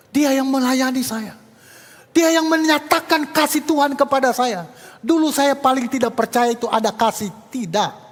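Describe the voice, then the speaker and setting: High husky-voiced preacher guy, acting out stories, church reverb. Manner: animated storytelling, acting out dialogue, addressing congregation. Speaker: evangelist preacher. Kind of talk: sermon with acted anecdotes. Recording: echoey church hall.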